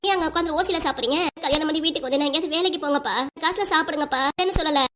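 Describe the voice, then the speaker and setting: A woman's voice: high voice, noisy background, lightly acted. A woman voicing a stubborn but devoted young daughter in a cartoon, insisting in a southern Tamil dialect. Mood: insistent. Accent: Tamil, southern Tamil Nadu dialect. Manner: insistent, emotional, rapid.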